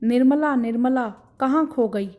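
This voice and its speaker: A woman's voice: a little high, a little slow, a little mellow, close to an everyday voice. Woman reading as a stern caring husband. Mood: concerned. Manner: scolding, indignant. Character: stern caring middle-aged husband, older brother.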